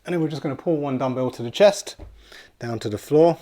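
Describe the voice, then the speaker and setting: A man's voice: mid-range voice, brisk, dark tone. A man in his forties giving a casual, encouraging home workout lesson, often repeating words as he demonstrates exercises in a small room at home. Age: 40s. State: slightly out of breath at times. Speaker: fitness coach.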